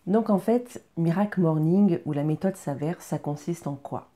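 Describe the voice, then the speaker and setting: A woman speaks in a low, very dark and mellow voice. She talks to her viewers in an earnest, encouraging way. She often pauses on fillers and starts her sentences over. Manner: hesitant, many fillers and restarts. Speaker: vlogger sharing personal routines. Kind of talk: casual personal vlog.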